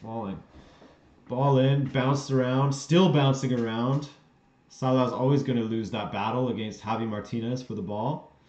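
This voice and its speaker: A man's voice: medium pitch, steady tone, normal speed, a little mellow. Canadian guy streaming a watchalong, chill, reacting to the game n reading chat, echoey dull mic. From western Canada. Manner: reacts to play and reads out chat questions. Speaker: streamer hosting a live match watchalong. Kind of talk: casual live watchalong commentary. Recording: roomy, dull lo-fi stream audio.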